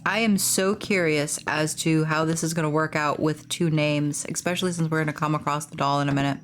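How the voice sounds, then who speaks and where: A woman's voice: low-pitched, fairly even intonation, fairly quick, a little hiss or hum. A woman hosting a horror game playthrough, switching between casual commentary and reading the story text aloud. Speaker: gaming video host. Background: music.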